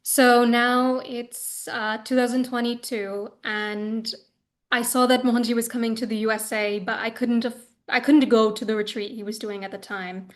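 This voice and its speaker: A woman's voice: fairly high pitch, steady tone, moderate pace. A woman in her thirties giving a personal spiritual testimony as an interview guest, telling her story in an earnest, chatty way with plenty of fillers and restarts. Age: 30s.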